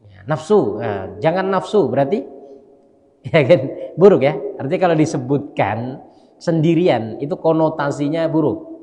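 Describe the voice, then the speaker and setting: In a large mosque, a male imam and religious teacher gives a casual dawn study lecture in a mid-range, darkish voice. He speaks conversationally, keeps asking listeners "ya kan?", and slowly spells out Arabic letters. The recording carries the long hall reverb of the mosque.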